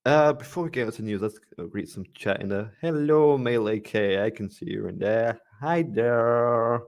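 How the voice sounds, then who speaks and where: A man with a lowish voice hosts a relaxed live-stream podcast. He rambles, restarts his sentences and reads out chat messages. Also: vocal fry. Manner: rambling, with many restarts and quick laughs. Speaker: podcast host.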